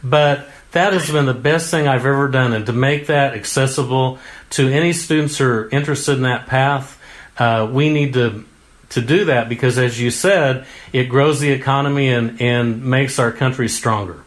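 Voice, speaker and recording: A man's voice: medium pitch, moderate pace. Man, political candidate, folksy, earnest, interview answers. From Oklahoma. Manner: folksy and earnest, with homespun exclamations. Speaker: congressional candidate.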